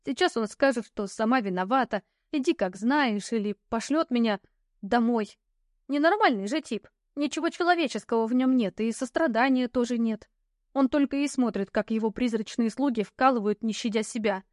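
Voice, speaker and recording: A woman narrating a fantasy audiobook in the first person, with lively, ironic storytelling. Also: on the high side, moderate pace, no room sound, studio quality.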